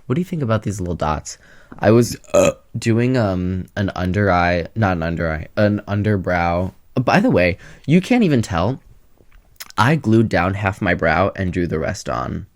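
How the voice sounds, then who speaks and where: A man's voice: low-pitched, lively intonation, normal speed. A young man vlogging in a casual, rambling way, chatty and sassy as he jumps from topic to topic. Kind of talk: casual rambling vlog chat.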